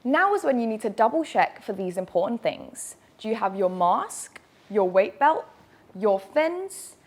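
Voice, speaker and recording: Woman instructor with a medium-pitched voice. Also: sing-song, unhurried. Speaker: dive briefing presenter. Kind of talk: instructional video narration.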